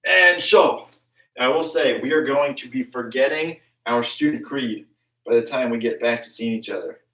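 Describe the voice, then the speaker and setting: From his basement at home, a young man leads a martial arts class over a live stream in a relaxed, talkative way with lots of ums. He has a medium-pitched voice at a moderate pace. It's recorded far from the mic in an echoey space.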